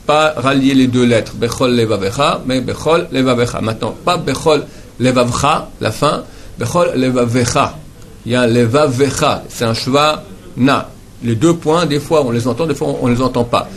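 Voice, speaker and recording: A man teaching a lesson on prayer, patiently repeating words slowly to model how they should be pronounced. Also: medium pitch. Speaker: Torah teacher.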